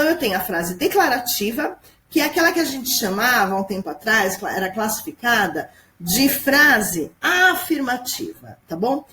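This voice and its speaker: A woman teaching grammar in a patient, explanatory way, checking in with her students over and over. Her voice sits fairly high and swings widely in pitch. A faint hiss of background noise sits under the recording. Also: fairly bright tone. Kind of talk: screen-recorded grammar lesson. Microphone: computer mic at home screen recording.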